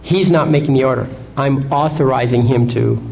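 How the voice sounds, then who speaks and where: A man's voice: medium pitch, moderate pace, creaky, darkish tone, poor audio. A man lecturing an audience in an assertive way, often asking rhetorical questions and checking in with "Okay?". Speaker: seminar speaker.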